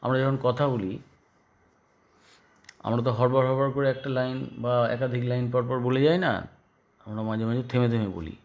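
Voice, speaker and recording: A male schoolteacher with a Bengali accent explaining grammar to a class, halting and repeating words for his pupils. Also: medium pitch, steady tone, a little mellow. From West Bengal, India. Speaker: school English teacher.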